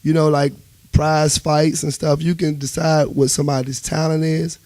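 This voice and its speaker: An American man with a Washington, D.C. accent talks casually as an interview guest, telling things in colorful slang and everyday phrasing. His voice is fairly high but moves little in pitch, at normal speed with a darkish tone and no room sound.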